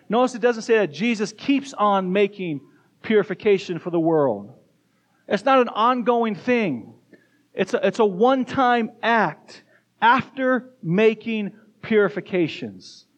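High-voiced man preaching with energy. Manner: energetic, addresses kids and congregation directly, quick bursts. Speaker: pastor. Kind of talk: sermon. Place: church sanctuary.

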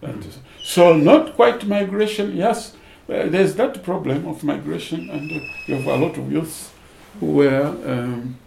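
A man giving an unscripted, thoughtful seminar answer in a hesitant, halting way, with a gravelly voice. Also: a little high, a little mellow. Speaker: panel speaker. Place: seminar room. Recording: roomy echo, faint background noise.

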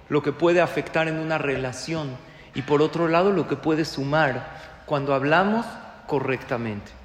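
A man giving a sermon as a rabbi, animated and joking, firing rhetorical questions at his audience. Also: on the high side, a little hiss or hum. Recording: echoey hall.

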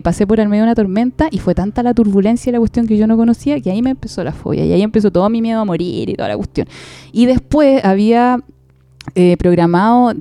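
Laughing Chilean woman with a mellow voice. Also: medium pitch, no room sound. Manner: laughs often, lively storytelling with slang. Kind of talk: casual chat.

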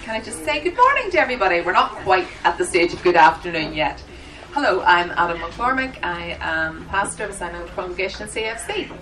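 A woman working as an interpreter, voicing a seminar introduction in short, halting phrases as she addresses a room. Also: mid-range voice, fairly bright tone. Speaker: sign language interpreter voicing the signers. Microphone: microphone at the front of the room. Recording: distant microphone, noticeable background noise.

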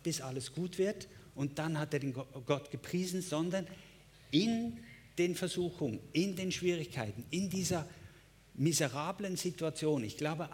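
A man's voice: on the high side, a little mellow. A male pastor preaching a sermon, emphatic, with repeated phrases and direct address to listeners.

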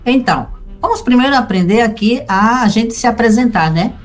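A woman's voice: fairly high pitch, lively intonation, normal speed, faint music behind. A woman with a Brazilian Portuguese accent, giving a conversational beginner lesson in an encouraging way and repeating words for her pupils. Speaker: Portuguese teacher.

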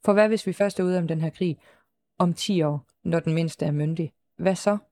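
Here the same kind of personal interview account comes in a lowish, mellow female voice. The mother telling her story sounds hesitant, circles around with many fillers, and stays composed and matter-of-fact throughout.

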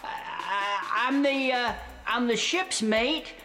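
A woman's voice: a little high, takes it slowly, music in the background. A woman voicing an old male ship's mate trapped below deck for decades, speaking hesitantly with stammers. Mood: weary.

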